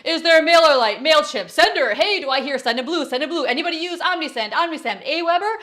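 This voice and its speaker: A woman's voice: high voice, expressive, quick pace, fairly bright tone, voice pushed up. A woman putting on a playful mock auctioneer voice, calling out names like bids. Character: loud fast-talking auctioneer, a woman doing a mock voice.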